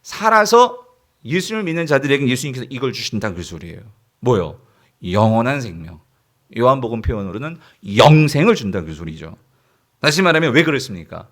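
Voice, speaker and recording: A man's voice: mid-range voice, very animated, fairly quick, fairly bright tone. A male pastor preaching a sermon, often tossing questions to the congregation and retelling scenes from the story.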